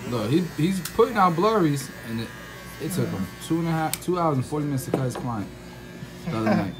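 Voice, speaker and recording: A man hosting a barbershop vlog, excitable and joking, laughing often with his crew. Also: fairly high pitch, brisk. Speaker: barber vlogger hosting a training event. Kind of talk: casual vlog chat. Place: barbershop, indoors. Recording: loud music playing behind.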